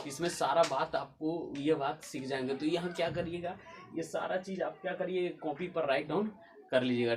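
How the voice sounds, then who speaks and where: A male English teacher, explaining a lesson slowly, spelling words letter by letter and asking and answering his own questions. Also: mid-range voice, a little mellow, slight background noise. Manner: slow, drawn-out dictation of spellings. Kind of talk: classroom lesson explaining translation.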